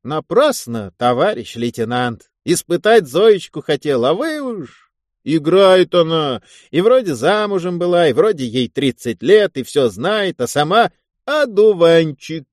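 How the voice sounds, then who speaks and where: This is a cocky young sergeant who teases and pushes his luck with a grin, as a male reader puts him on. He talks a notch higher and louder than the narration. The reading is close and dry. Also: very animated, measured pace, dry recording. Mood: mock-hurt. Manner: teasing, pushy, mock-pleading.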